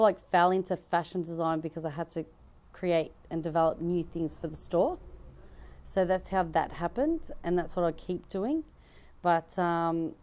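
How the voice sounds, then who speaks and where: A woman's voice: lowish voice, warm tone. A woman in her thirties with an Australian accent, answering interview questions chattily in a dress shop, laughing easily and restarting sentences. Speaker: comedian and fashion designer. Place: bridal dress shop, indoors. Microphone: handheld mic held by interviewer.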